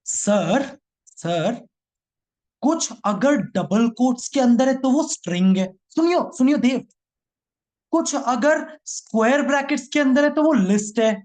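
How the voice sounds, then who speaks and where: A man's voice: very high-pitched, unhurried, darkish tone. A man teaching a live online programming class, teasing his students and repeating each line twice.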